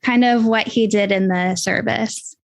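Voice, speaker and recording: A woman's voice: medium pitch, fairly even intonation, measured pace, gravelly, no echo. Chatty woman podcast host, dry sound. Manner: upbeat, chatty with many fillers. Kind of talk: podcast interview.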